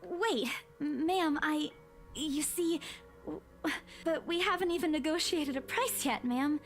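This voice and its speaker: A woman's voice: high-pitched, slow pace, faint music behind, pitched above the performer's own voice. A woman voicing a polite, nervous young woman tour guide who stammers.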